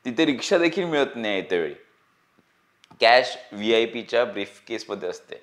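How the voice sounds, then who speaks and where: A man reading a novel aloud in a steady, expressive storytelling manner. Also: mid-range voice, moderate pace. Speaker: book reader.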